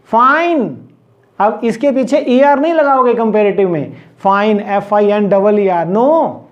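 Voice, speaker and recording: Man, grammar teacher, unhurried, lesson, call-and-answer drilling, muffled recording. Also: high voice. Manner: mixes Hindi explanation with English examples, drills word lists aloud; asks the class questions and answers them himself. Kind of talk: classroom-style lesson.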